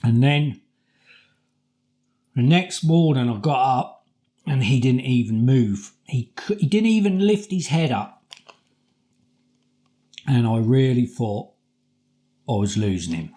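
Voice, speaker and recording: Casting: middle-aged British male vlogger, soft-edged mellow tone, chatty and colloquial, circles back over his points. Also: mid-range voice. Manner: halting, repetitive, colloquial. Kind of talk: casual rambling personal storytelling.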